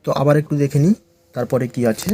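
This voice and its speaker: A male teacher slowly drilling English letter sounds for beginners, his first language Bengali. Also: medium pitch, warm tone, slight background noise. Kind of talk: phonics lesson for beginners.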